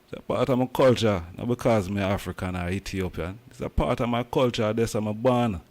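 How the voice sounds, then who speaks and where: A man's voice: lowish voice, a little fast, a little mellow. A man from Jamaica with a Jamaican accent, talking emphatically in patois as host of a casual commentary.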